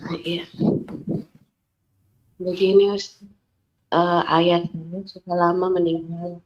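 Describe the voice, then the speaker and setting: A woman's voice: fairly low pitch, little pitch movement, takes it slowly. Woman caller on a breaking-up line. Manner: hesitant, frequent "eh" fillers. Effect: choppy call audio that keeps breaking up and dropping out. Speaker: caller asking about inheritance. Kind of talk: phone-in question to a religious teacher. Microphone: phone call. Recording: dull lo-fi phone-in line.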